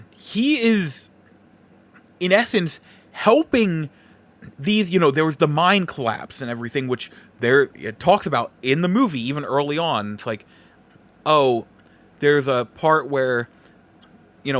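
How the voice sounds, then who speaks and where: A man with a somewhat bright voice on the high side hosts a podcast. He delivers a casual, rambling movie review monologue in a conversational manner.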